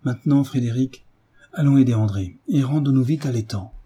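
A man reading the part of a calm, grave tutor who gives firm, decisive orders. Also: mid-range voice, brisk, slightly rough. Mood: commanding. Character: calm, commanding male tutor in his prime.

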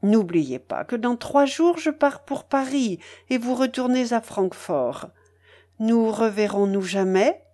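A woman voicing an imperious, mocking young aristocrat in a read-aloud novel, higher and brighter than her narration. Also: expressive, slow. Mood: coaxing. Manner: commanding, mocking, playful.

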